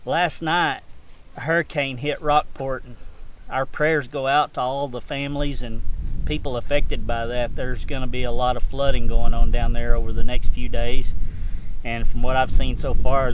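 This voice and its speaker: A man's voice: medium pitch, rough recording. A man talking casually and giving commentary as he guides a hunt outdoors. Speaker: hunting guide and video host. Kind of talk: casual chat and commentary while hunting. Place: outdoors in open brushy country. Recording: outdoor recording with clear background noise.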